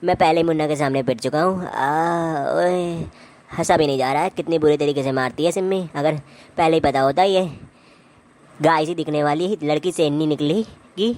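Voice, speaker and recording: A man's voice: a little high, moderate pace, a little mellow, pitched below the performer's own voice, natural voice. A man voicing a blustering, boastful older brother who is secretly a coward. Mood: gruff. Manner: gruff, blustering, threatening. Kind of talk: comedy sketch acting.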